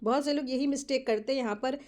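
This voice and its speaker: A woman teaches Quran recitation step by step, explaining each rule quickly and then reciting words slowly as examples. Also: high-pitched, darkish tone. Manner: slow, drawn-out model recitations between quick explanations. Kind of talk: step-by-step tajweed lesson.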